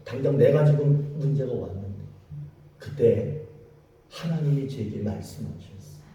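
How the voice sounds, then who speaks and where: A male pastor preaching a sermon, telling a personal story in an animated way with laughing asides. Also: mid-range voice, unhurried, recorded from a distance, lo-fi sound. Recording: echoey church from afar.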